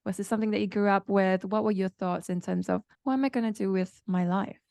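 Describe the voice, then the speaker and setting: Curious woman host with a gravelly edge. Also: mid-range voice, fairly even intonation, quick pace, dark tone, no echo. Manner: curious, question-led. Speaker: podcast host. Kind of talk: podcast interview questions.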